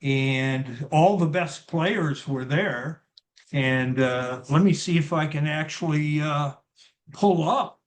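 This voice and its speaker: A man hosts a relaxed interview over a video call. He talks slowly and in a halting way, restarting his sentences and filling pauses with "uh" and "um". His voice sits a little high for a man. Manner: halting, many fillers and restarts. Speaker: interview host.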